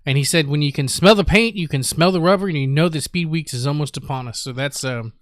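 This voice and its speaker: A male co-host on a racing talk show who talks fast and upbeat, his voice a little higher than most men's. The sound is dry and close. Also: no room sound. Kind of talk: casual sports talk.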